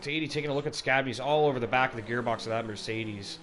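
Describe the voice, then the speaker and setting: A man's voice: mid-range voice, fast, crowd noise. A man doing live motorsport commentary, calling the race action as it unfolds. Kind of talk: live sim racing commentary.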